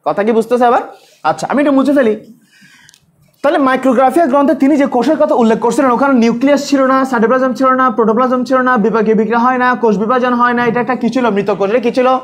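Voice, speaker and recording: High-voiced man drilling a class. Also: steady tone. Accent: Bangladeshi Bengali. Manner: asks students questions and answers them himself, drilling; repeats terms slowly for students to pronounce. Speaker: teacher. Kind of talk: online exam-prep class.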